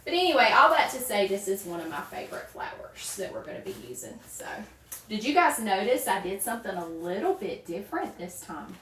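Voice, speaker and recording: This small-town Virginia woman in her forties hosts a wreath-making stream, talking casually in a Southern accent and greeting viewers by name. Her mid-range voice is sing-song, fairly bright, and a little fast. The rough recording is echoey and distant, with a bit of hiss or hum.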